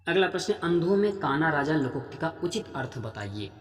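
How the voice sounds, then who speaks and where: Hindi exam tutor with a reverberant sound. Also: male voice, on the high side, sing-song, brisk. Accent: Jharkhand Hindi. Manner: patient, addresses viewers as friends, repeats "theek hai". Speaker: exam-prep teacher. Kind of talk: explaining grammar practice questions.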